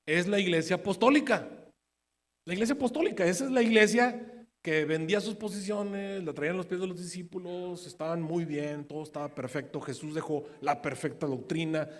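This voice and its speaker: A man preaching a Bible study, firing rhetorical questions at his listeners and swinging between emphatic bursts and quiet asides. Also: on the high side, a little fast. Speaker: preacher teaching prophecy. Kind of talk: sermon-style Bible study. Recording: long hall reverb.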